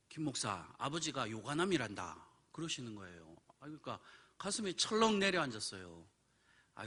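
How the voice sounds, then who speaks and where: Male preacher, animated storyteller with a bright, lively pitch. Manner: animated storytelling, acts out quoted voices. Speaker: pastor. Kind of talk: sermon with personal story. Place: church.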